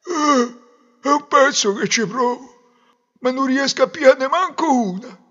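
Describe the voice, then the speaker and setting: A man's voice: very high voice, unhurried, a bit bright, big-room sound, voice pushed up, full character voice. A man voicing a cheerful, dim-witted simple man, drawling and puzzled. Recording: dull lo-fi recording.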